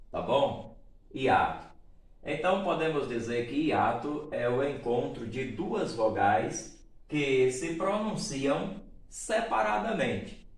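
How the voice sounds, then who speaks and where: A male teacher from Brazil, explaining a grammar lesson and often checking in with his students. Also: medium pitch. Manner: explains slowly, checks in with "certo?" and "tá bom?". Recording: echoey room, voice from a distance.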